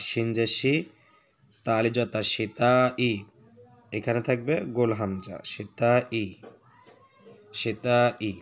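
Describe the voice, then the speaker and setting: A man teaching Arabic handwriting step by step. He names each letter as he writes and slows right down to chant the finished words. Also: mid-range voice. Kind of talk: step-by-step writing lesson.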